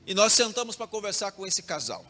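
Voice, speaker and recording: A young Brazilian pastor preaches in a high, lively voice, spinning a story through rhythmic repeated phrases. He turns often to speak straight to his congregation. His voice rings through a hall with long reverb and soft music underneath. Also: a little fast. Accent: Brazilian Portuguese. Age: young adult. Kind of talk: sermon. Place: church hall.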